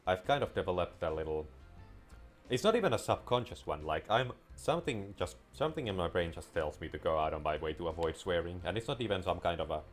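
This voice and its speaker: With soft music in the background, a Finnish-native man talks fast in a low-pitched, very animated voice while playing a game. His casual let's-play commentary rambles, veers into tangents, and includes restarted sentences.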